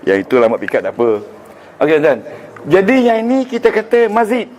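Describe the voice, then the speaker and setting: A man's voice: high-pitched, wildly swooping pitch, fast talker, slight background noise. A man with a Malaysian Malay accent teaching Arabic grammar to a class, joking and quizzing the students as he goes. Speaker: religious teacher. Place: lecture room with students.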